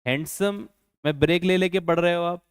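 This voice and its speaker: Smooth-voiced teacher, questioning. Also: male voice, high-pitched, normal speed, no room sound, clean studio sound. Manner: asks students rhetorical questions, repeats key points. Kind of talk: classroom-style grammar lesson.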